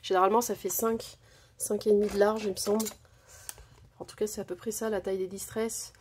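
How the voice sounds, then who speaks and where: A woman's voice: medium pitch, level tone, fairly quick, darkish tone. Woman chatting through a craft haul at her desk, lots of "euh", faint background hiss. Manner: chatty, many fillers and self-corrections. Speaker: crafting channel host. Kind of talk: casual haul vlog.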